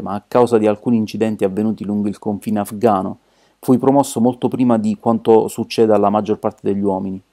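Brief: defensive, excitable colonel voiced by a male reader, dark tone, storybook reading. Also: fairly low pitch, natural voice. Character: agitated middle-aged male ex-army colonel.

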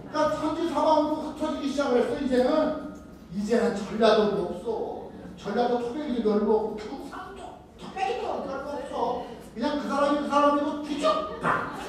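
High-voiced priest lecturing in an echoing hall. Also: male voice, far from the mic. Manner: asks the audience questions and answers them himself. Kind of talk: retreat lecture to a live audience. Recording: very echoey hall, recorded from afar.

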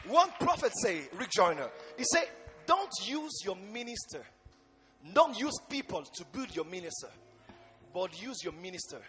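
A man's voice: high voice, big pitch swings, normal speed. Fiery preacher guy, voice swoops all over, emphatic sermon with music behind. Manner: impassioned, emphatic, repeating phrases with shouted calls to the congregation. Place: large church hall, on and before a stage. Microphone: handheld microphone.

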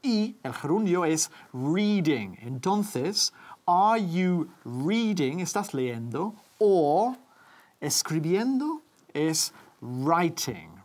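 A woman's voice: deep voice, a little mellow. A woman presenting a TV English lesson, patiently repeating words and phrases for viewers to practice. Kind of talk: bilingual TV language lesson.

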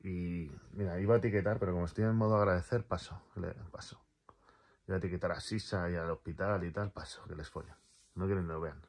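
Low-voiced rambling man. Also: steady tone, fast. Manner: rambling, repeats words, swears casually. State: in pain from a torn calf. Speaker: vlogger. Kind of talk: casual personal vlog.

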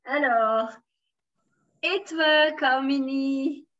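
A woman's voice: high-pitched, drawn-out words, a bit bright, muffled recording. A woman with a French accent teaching a beginners' French lesson, patiently modelling phrases and encouraging her students.

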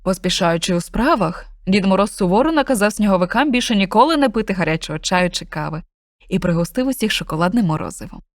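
A woman reading a children's fairy tale aloud in a gentle, expressive storytelling manner. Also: mid-range voice, fast, no echo, clean studio sound.

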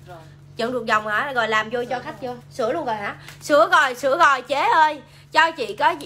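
Running a casual live sales pitch, this livestream seller reads viewers' comments aloud and promotes her goods in a Southern Vietnamese accent. She speaks in a high, bright, forceful voice over a faint hiss or hum.

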